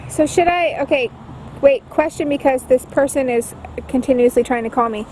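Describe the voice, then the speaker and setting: A woman with a high voice talks casually on a phone call. She sounds hesitant and questioning as she goes. The recording has clear background noise. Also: normal speed, darkish tone.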